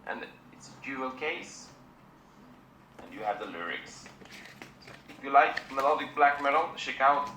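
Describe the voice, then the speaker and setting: Bright-voiced man reviewing records. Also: medium pitch, animated, roomy sound, a little hiss or hum, low-quality recording. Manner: plain, unhurried, with many fillers and restarts. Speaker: music reviewer.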